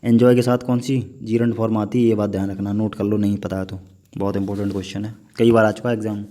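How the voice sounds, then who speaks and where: Man, teacher, warm mellow voice, exam paper lesson, asks questions, repeats answers. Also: on the low side, level tone, fast. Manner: quizzing the viewer with repeated questions, calls them "my brother"; mixes Hindi explanation with read-out English.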